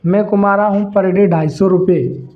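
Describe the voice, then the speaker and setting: Heard through narrow, tinny audio, a man with a high, steady voice explains business ideas at a measured pace. On his own channel he gives a casual to-camera lecture, emphatic and repetitive, calling viewers brother.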